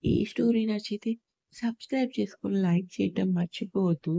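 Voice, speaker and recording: A woman storyteller narrating a love story, calm and measured, as the regular voice of the channel. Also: mid-range voice, vocal fry, dry recording, dull audio.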